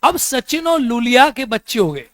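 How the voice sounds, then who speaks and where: A man with an extremely high, sing-song voice talks at normal speed, a bit bright, in a dry recording. During his classroom lecture he quizzes students with repeated questions, asks them to repeat answers, and jokes and teases them.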